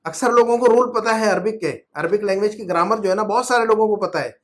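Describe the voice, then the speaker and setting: A man teaching a class at home, patient and repetitive, drilling his students with questions. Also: high voice. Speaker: Arabic grammar teacher. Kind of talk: online class explaining in Urdu.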